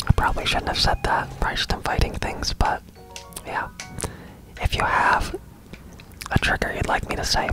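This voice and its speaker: A person whispering softly and casually in a breathy, unvoiced voice as an ASMR gaming host. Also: rough recording. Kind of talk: whispered ASMR game commentary.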